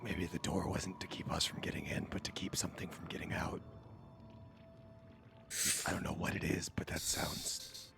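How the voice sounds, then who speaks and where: A man playing a tabletop game, speaking in a hushed, whispery way. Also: deep voice, little pitch movement, normal speed, creaky, long pauses, noisy background. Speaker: player.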